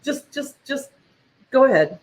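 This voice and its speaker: A woman's voice: sits high, big pitch swings, measured pace, a little hiss or hum, poor audio. Laughing woman co-hosting a web show. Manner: laughing, teasing banter. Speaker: co-host. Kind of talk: casual online show chat.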